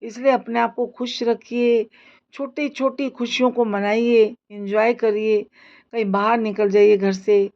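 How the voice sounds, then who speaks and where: A woman's voice: a little high, fairly even intonation, measured pace, darkish tone, dull audio. A woman giving earnest, preachy life advice in a casual motivational talk. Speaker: lifestyle video host.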